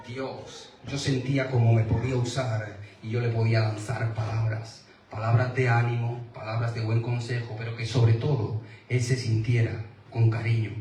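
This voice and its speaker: A man preaching earnestly, his voice sitting at a middle pitch. The church hall gives it a roomy echo, and the mic hangs back at a distance. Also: a little hiss or hum. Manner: earnest, quoting God in a hushed voice. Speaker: pastor. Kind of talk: sermon.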